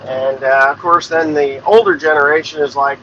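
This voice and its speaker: Speaking at normal speed with a steady, sharp tone, this man has a fairly high pitch. He's a farmer in his forties hosting his own show, rambling plainly and cursing freely inside a vehicle, captured on a muffled recording with slight hiss or hum.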